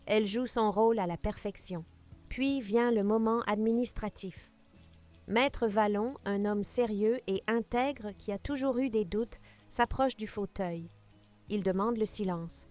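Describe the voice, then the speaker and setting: A woman's voice: mid-range voice, a little slow, a little mellow, soft background music. A woman narrating a scripted dramatic story with suspenseful pacing.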